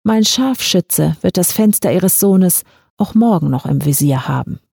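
A woman voicing a suave, polite man who calmly threatens his victim, in an audiobook short story. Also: fairly low pitch, dry recording, studio quality, heavily acted. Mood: calm menace. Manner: smooth, unhurried, quietly threatening. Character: suave menacing male blackmailer, calm and polite. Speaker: audiobook reader.

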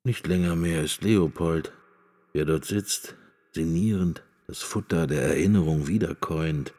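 A man reciting reflective lines in a radio drama, in a slow, meditative way. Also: low voice, dark tone. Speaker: narrating voice.

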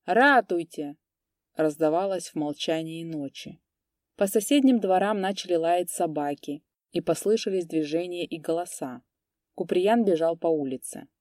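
A woman narrating a literary story in a steady, even storytelling manner. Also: on the low side, no room sound, clean studio sound. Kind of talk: audiobook narration.

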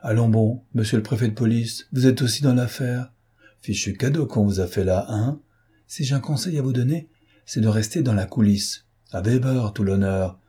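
A man reading an audiobook and voicing a mocking, self-assured gentleman thief with a raised, teasing, theatrical voice. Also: mid-range voice, moderate pace, slightly rough, natural voice.

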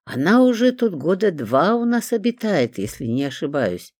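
An audiobook reader voicing a weary middle-aged duty nurse who talks in a matter-of-fact, confiding way, in a lively, dry-sounding read. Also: medium pitch, normal speed, no room sound, voice pushed up. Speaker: hospital nurse. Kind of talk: audiobook character reading.

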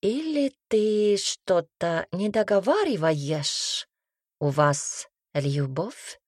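A woman's voice: fairly low pitch, big pitch swings, extremely slow, a little mellow, no echo, studio quality, heavily acted. A woman voicing a pushy, emphatic middle-aged duchess in an audiobook, drawing out her words. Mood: probing. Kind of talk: audiobook character reading.

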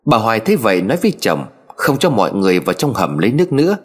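Husky male storyteller, lively delivery. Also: on the low side. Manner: measured, dramatic storytelling. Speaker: narrator. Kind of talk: scripted storytelling narration. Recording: faint background music. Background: faint music.

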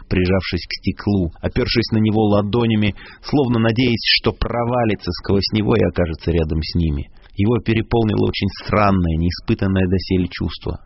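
A man reading a story aloud on the radio in a measured, expressive way. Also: low-pitched, creaky, a little hiss or hum. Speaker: narrator. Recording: lo-fi radio broadcast.

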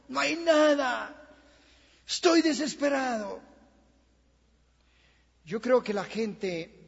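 A man with a Colombian Spanish accent preaching a sermon in a church, impassioned, swinging from quiet talk to shouting. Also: fairly high pitch, creaky, breathy edge. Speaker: pastor. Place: church hall. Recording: lo-fi church recording with long reverb.

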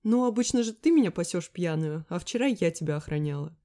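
A woman reading an audiobook, voicing a sharp-tongued young woman friend who scolds and mocks loudly. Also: on the low side, lively intonation, fairly quick, lightly acted. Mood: mocking. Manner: loud, scolding, sarcastic. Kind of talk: audiobook character voice.

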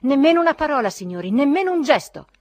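A woman's voice: high voice, big pitch swings, fast talker, darkish tone, no echo, pitched above the performer's own voice. A woman playing a pompous solemn officer. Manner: solemn, lofty.

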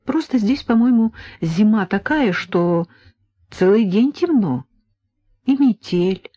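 A woman reading an audiobook, voicing a young woman artist in a raised, lively voice. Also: medium pitch, takes it slowly, breathy edge, no echo, dull audio, pitched above the performer's own voice. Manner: raised, lively girlish delivery. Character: young adult woman artist, wistful and playful.

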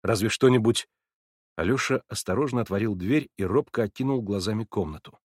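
A man's voice: fairly low pitch, quick pace, husky, dry recording. Man reading a novel aloud, dry sound. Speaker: audiobook narrator. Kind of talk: literary audiobook narration.

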